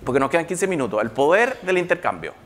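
A man's voice: on the high side, big pitch swings, fast, fairly bright tone. Man, university-style lecture, rhetorical questions, audience in the room. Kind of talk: live public lecture.

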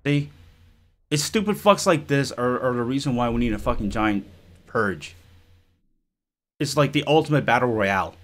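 A man giving live gameplay commentary, ranting in an exasperated, profane way that swings between shouting and low muttering. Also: animated, normal speed, pauses often. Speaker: gaming channel host.

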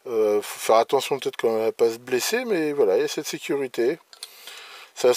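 A man's voice: a little high, slight background noise. A man casually presenting electronics gear he bought, hesitant, with many restarts and fillers. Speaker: electronics hobbyist presenting purchases. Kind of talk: casual show-and-tell.

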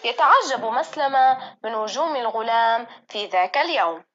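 A woman reads the narration of a classroom play in a plain, steady manner. Her voice is very high, and the lo-fi recording sounds dull. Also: normal speed. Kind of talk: reading the narration of a school play.

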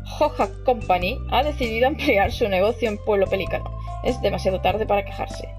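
A woman's voice: mid-range voice, fairly quick, close to an everyday voice. A woman with a Spain Spanish accent reading the lines of a smug male corporate store director in a mock-formal tone, with game music behind her.

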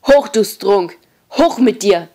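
Brief: a woman reading as a bossy teenage leader, loud and blunt, brisk orders. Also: mid-range voice, close to an everyday voice. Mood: angry.

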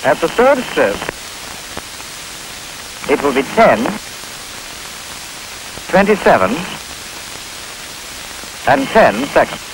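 A man's formal time announcement, played back by a machine that splices together separately recorded words. He speaks slowly and the pitch jumps noticeably from piece to piece. A faint hiss sits under the voice. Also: wildly swooping pitch, rough recording. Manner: slow, evenly spaced, formal delivery. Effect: spliced-together recorded words played back by a speaking clock machine.

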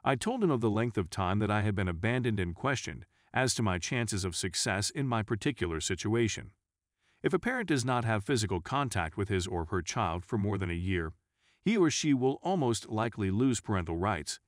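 A man reading out a first-person forum story as scripted narration, at an even reading pace. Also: on the low side, brisk, no echo, studio quality.

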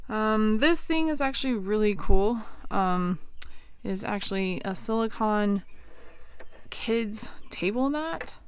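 A woman in her thirties casually shows off her small wooden camper trailer, filmed on a handheld phone and full of ums and likes. Her mid-range voice is expressive, clear, and resonant, and she takes her time.

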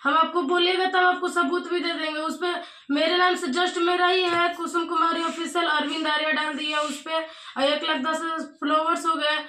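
On a phone call, a vlogger in her thirties with an eastern Hindi-belt accent from Bihar or eastern UP complains insistently, repeating her points and remonstrating. Her extremely high, sharp voice stays flat in pitch at a moderate pace. She's in a small bedroom, recorded by a camera a short distance away, and the echoey room carries faint noise and clicks.

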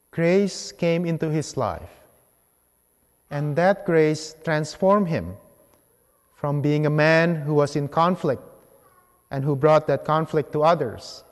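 A priest gives a homily from the ambo of a large church sanctuary in a fairly high-set voice. He preaches in deliberate, measured phrases with pauses, and long reverb hangs after his words.

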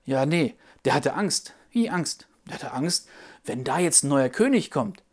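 Woman, low voice, lively intonation, children's Bible storyteller, patient, gentle explaining. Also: a little slow, breathy edge.

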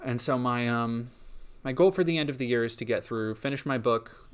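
This young streamer and indie game developer chats casually at normal speed in a smooth, mid-range voice. He answers chat and rambles, with lots of ums and restarts, sounding a little sniffly and sleepy.

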